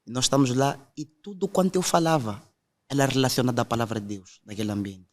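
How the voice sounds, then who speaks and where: A man's voice: mid-range voice, fast talker. A young man, earnestly telling his conversion testimony in a podcast conversation. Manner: earnest storytelling, quotes others directly.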